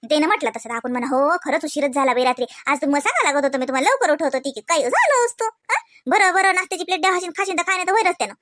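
A woman's voice: sits high, animated, racing, hardly any pauses, a bit bright, no room sound, studio quality. A woman voicing an older female family elder in a cartoon, scolding but kindly and giving homely advice. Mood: advising. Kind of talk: cartoon voice acting.

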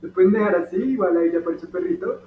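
Speaking rapid-fire in a high voice with a Colombian Spanish accent, a male origami instructor patiently guides children step by step through folding and coloring a paper dog, addressing them directly, encouraging them and checking in often. He sits far from the mic in a roomy space, and the dull recording carries a faint hum.

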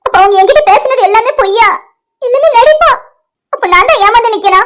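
Woman doing a heartbroken cartoon girl, very high thin voice, quick, tearful. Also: animated. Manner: tearful, pleading, slow when grieving. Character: heartbroken young woman, betrayed lover. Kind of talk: amateur cartoon voice acting.

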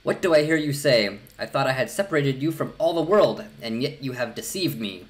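A man's voice: mid-range voice, lively intonation, a little fast, lightly acted. Guy doing a wicked old enchantress from a fairy tale, bossy and dramatic, voice swooping around. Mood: angry. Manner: commanding, dramatic.

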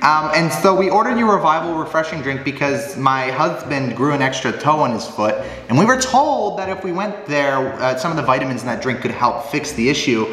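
A man's voice: on the high side, sing-song, a little fast, hardly any pauses, fairly bright tone. A man voicing a polite, aggrieved wife on a prank call, speaking hesitantly. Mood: polite complaint. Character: polite, aggrieved wife calling a drive-thru to complain. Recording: echoey hard-walled room.

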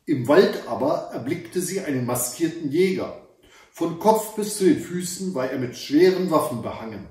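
A man reading a fairy tale aloud in a calm, gentle storytelling manner, as host of his story hour. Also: fairly high pitch, normal speed. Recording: echoey room, far from the mic.

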